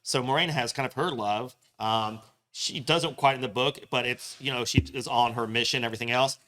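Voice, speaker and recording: A man co-hosting a casual podcast chat in a tavern, explaining plot points in a relaxed, playful way. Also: mid-range voice, normal speed. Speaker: podcast co-host.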